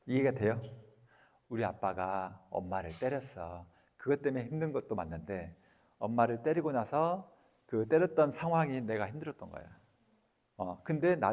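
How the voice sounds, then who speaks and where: A male lecturer with a mid-pitched voice that swoops up and down as he talks, throwing frequent questions at his listeners. His voice carries a long reverb tail, as if it was recorded in a large hall. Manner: animated, quizzing the audience with questions.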